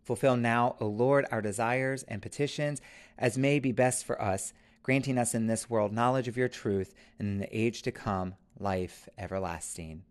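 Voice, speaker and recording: A man officiating a church service, reading scripture and reciting prayers in a measured, formal way. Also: mid-range voice.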